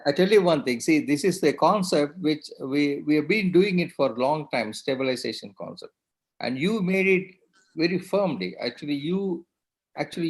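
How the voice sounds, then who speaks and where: A neurosurgeon, speaking hesitantly and placatingly on a panel, with many restarts. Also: male voice, on the high side, poor audio. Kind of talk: panel discussion.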